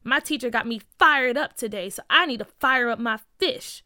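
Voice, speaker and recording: A woman's voice: fairly high pitch, moderate pace, sharp tone, dry recording, studio quality. A woman voicing an earnest, outspoken young schoolgirl who asks insistent questions in a storybook reading.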